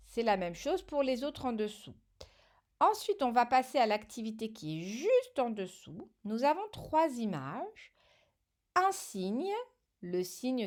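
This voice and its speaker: A woman with a French accent teaching a children's phonics lesson, patient and clearly articulated. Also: on the high side, a little mellow.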